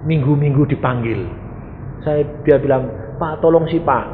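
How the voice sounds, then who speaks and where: A man preaching a sermon, telling stories and acting out the people in them with sudden shouts. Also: fairly high pitch, unhurried, narrow, tinny audio. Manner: animated, acts out quoted voices, sudden shouts. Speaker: evangelist preacher. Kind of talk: sermon with storytelling. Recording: echoey hall with faint noise.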